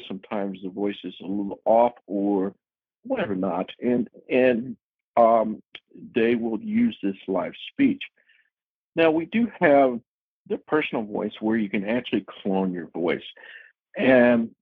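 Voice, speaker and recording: Husky-voiced man on a tinny line. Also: low voice, dry recording. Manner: chatty, explanatory, with frequent fillers. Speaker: guest presenter at a technology user group. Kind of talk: casual presentation. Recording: tinny phone-like audio.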